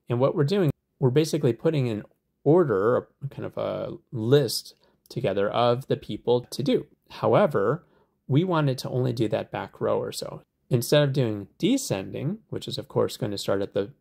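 A man hosting a software tutorial, explaining steps in a relaxed, conversational way with lots of fillers. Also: medium pitch, vocal fry. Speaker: tutorial host.

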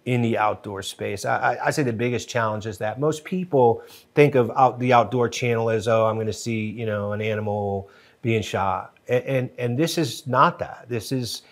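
A middle-aged man from Western Pennsylvania, a guest on a studio podcast, talking casually and animatedly with many restarts, recorded on a boom-arm mic. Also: moderate pace. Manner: animated, gestures a lot, frequent restarts. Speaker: podcast guest, TV show co-creator. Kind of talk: casual interview chat. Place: wood-paneled podcast studio.

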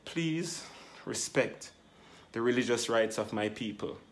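A man in his forties, a community leader, delivering a formal public address in a measured, emphatic, declamatory way, filmed at close range. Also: mid-range voice. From Jamaica. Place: outdoors under a tree, then indoors before a flag backdrop.

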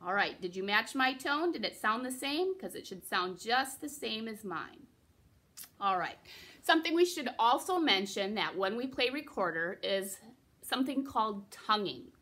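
A woman's voice: a little high, lively intonation, normal speed, bright, forceful tone. A young woman giving a recorder lesson for children, patiently explaining and encouraging, counting her students in. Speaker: music teacher.

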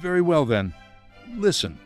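An actor playing a stern, decisive king in a children's audio story, speaking in a commanding, measured way. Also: a little high, big pitch swings. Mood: firm. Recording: music under voice.

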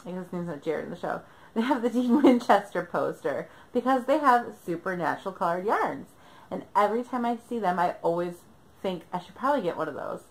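A woman's voice: mid-range voice, low-quality recording. A young woman chatting to camera at home, recapping a trip, chatty with frequent laughs and fillers. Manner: chatty, laughs often, many ums. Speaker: knitting vlogger. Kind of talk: casual chat to camera. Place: bedroom, indoors.

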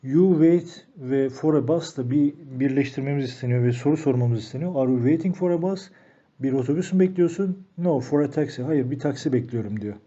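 A man teaching an English grammar lesson, slowing down to read each example sentence aloud. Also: a little high, warm tone. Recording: dull lo-fi recording.

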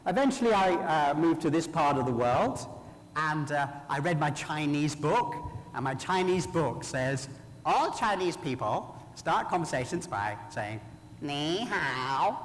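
Male speaker, Sri Lankan accent, slightly high voice, wry anecdotal public talk, big reverberant hall. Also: animated, unhurried, slight background noise. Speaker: author speaking at a conference. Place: large hall, live talk to an audience. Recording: very echoey hall with long reverb.

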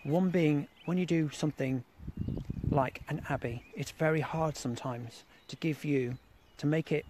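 A man's voice: on the high side, normal speed, noisy background. A man hosting a live outdoor broadcast, talking casually and rambling with restarts and repeated fillers. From England. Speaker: host of a live exploring broadcast. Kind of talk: casual live-stream monologue. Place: outdoors at an abandoned rail site.

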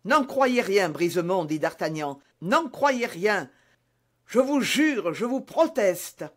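A man's voice: high-pitched, expressive, normal speed. A man voicing a young impetuous musketeer hero, speaking with urgent earnestness in a storybook reading. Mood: alarmed.

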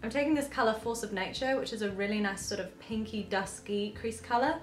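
A young woman chatting casually through a makeup tutorial, rambling with lots of filler words, her throat a little croaky. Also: medium pitch, brisk. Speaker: beauty vlogger. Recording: roomy echo with faint music.

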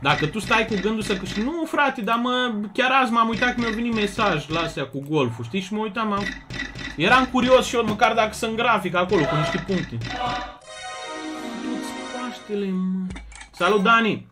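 A young man from Romania runs a casual slots livestream in a high-pitched voice, loud and excitable as he rattles off greetings to viewers. Clear music plays behind him. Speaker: slots streamer. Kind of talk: casual live-stream chat.

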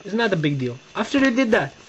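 A young man from Romania, Romanian by first language and accent, sits on his bedroom bed showing a folding technique step by step, halting as words escape him. His high voice swings widely in pitch. The webcam is close, and the sound comes out dull and lo-fi with faint hiss.

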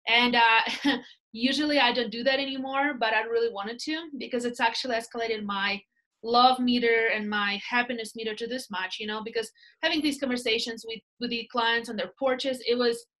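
A guest in a casual interview chat, a Russian-accented real estate team leader in her thirties speaks about her work at a moderate pace in a slightly high voice. Animated and storytelling, she gestures with her hands and frequently asks "right?" She's on a laptop webcam video call from a small indoor room.

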